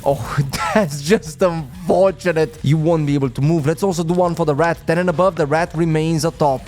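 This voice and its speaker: A man's voice: fairly high pitch, fairly even intonation, quick pace, darkish tone. A man narrating a tabletop game as game master, dramatic and playful.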